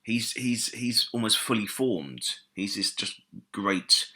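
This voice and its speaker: A man's voice: on the low side, expressive, slow pace, pushed and bright. A British man, a comedy historian and author, answering interview questions in a casual, enthusiastic, rambling way with many fillers and restarts. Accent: British English. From Britain.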